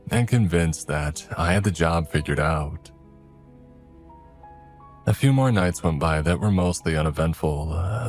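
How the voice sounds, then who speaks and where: A man narrating a first-person horror story in a measured, steady way. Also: extremely low pitch.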